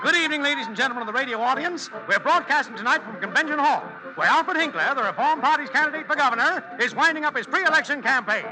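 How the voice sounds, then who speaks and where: An actor playing a radio announcer who introduces a campaign speech. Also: male voice, very high voice, lively intonation, over music, low-quality recording. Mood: announcing. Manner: brisk announcer delivery. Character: radio announcer at a political rally, man.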